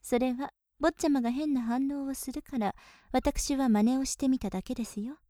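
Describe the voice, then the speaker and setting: Whispered role-play: young woman voicing a polite, teasing maid, slightly high, warm tone, dry close mic. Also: normal speed, no echo, close to an everyday voice. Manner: polite, softly teasing, with breathy giggles.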